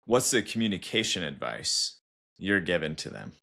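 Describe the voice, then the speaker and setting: A male podcast host with a very low voice that still comes across bright and crisp. He asks his guest questions and answers briefly with short, affirming interjections. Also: very animated, normal speed.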